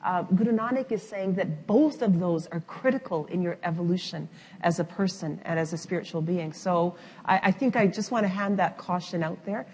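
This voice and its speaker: A woman panelist answering at a conference, measured and firm, with clear emphasis. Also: lowish voice, a little mellow. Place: university conference room.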